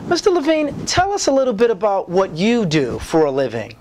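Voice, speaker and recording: A man's voice: high voice, sing-song, fairly quick, a little mellow, slight background noise. A man playing a formal, persistent TV interviewer in a comedy sketch. He keeps repeating and restarting his questions. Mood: earnest. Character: stiff, persistent male TV interviewer.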